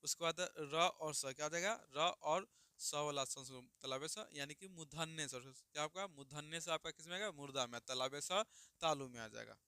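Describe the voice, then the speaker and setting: A man with a bright, forceful, fairly high voice teaches a grammar lesson, repeatedly posing questions to his listeners and answering them himself. He slowly sounds out each letter for students to copy. The tone is clean, with no room sound.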